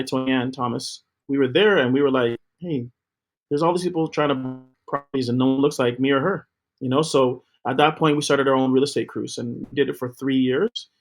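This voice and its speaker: A middle-aged man talks about his work as an interview guest in an upbeat, promotional way, with a few fillers along the way. His voice sits in a mid-range register. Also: medium pitch. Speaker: guest, TV co-founder. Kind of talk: interview talk.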